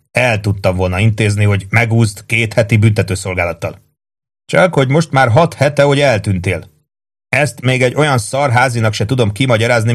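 A man's voice: medium pitch, close to an everyday voice. A man reading the lines of a blunt, mocking male army first sergeant in a novel.

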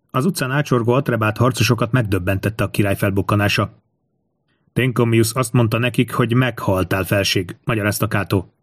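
A man reads a historical adventure aloud with steady, even storytelling. His voice sits on the low side. The sound is close and dry, with no room at all. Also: dry recording. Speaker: audiobook narrator. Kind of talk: scripted narration.

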